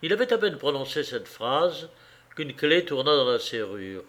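A man narrating a novel for an audiobook in a steady, measured way. His voice sits a little higher than most men's. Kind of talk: reading a novel aloud.

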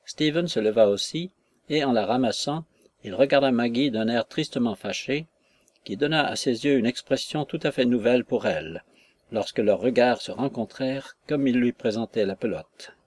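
A man reading a classic novel aloud as an audiobook narrator, in a measured, even manner. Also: medium pitch.

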